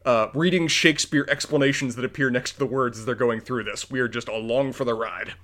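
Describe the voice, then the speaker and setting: A man's voice: mid-range voice, fairly even intonation, fairly quick, fairly bright tone. A man co-hosting a podcast, adding articulate, wry commentary in casual review chat. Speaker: podcast co-host.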